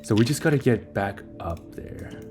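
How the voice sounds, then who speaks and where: In a relaxed game walkthrough, a young man with a somewhat low, slightly mellow voice explains what he's doing step by step as he plays. He's expressive and informal, speaks at a normal speed, and wanders a bit, with faint music in the background.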